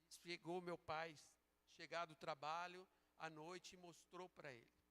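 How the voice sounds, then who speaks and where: High, bright-voiced pastor preaching. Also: male voice, flat delivery, clear, resonant tone. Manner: preaching with slow emphatic rises, then quieter storytelling. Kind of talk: sermon. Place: church sanctuary. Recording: church sanctuary with long reverb.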